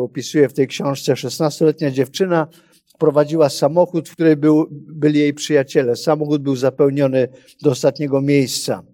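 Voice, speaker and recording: A male preacher giving a sermon, reading scripture in a slow, measured way with pauses. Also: a little high, warm tone.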